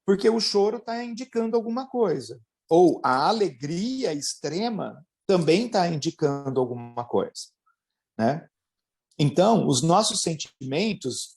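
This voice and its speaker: A man's voice: a little high, a little mellow. Man explaining with frequent tag questions. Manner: ends phrases with tag questions, acts out everyday quotes. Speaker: psychologist guest. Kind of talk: explanatory interview answers.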